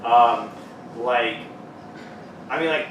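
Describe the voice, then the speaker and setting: A man's voice: medium pitch, very slow. A man with a Texan accent hosting a metal podcast, rambling in casual chat with many fillers and swearing. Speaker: podcast host. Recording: echoey room, distant mic, noisy.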